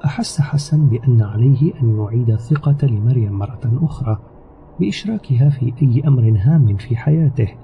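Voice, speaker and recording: A man narrating an audio novel in a steady, measured storytelling manner. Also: mid-range voice, gravelly, slight background noise. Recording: slightly dull recording with background music. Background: soft music.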